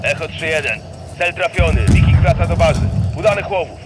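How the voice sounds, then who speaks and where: Clipped pilot over radio. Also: male voice, a little high, loud music behind the voice. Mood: crisp. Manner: brisk, clipped radio callouts. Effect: radio transmission. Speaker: support pilot. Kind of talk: dubbed video game dialogue.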